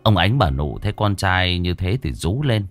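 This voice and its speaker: Man, horror story narration, lively swooping delivery, lowish voice, faint music underneath. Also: moderate pace. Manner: vivid, expressive storytelling.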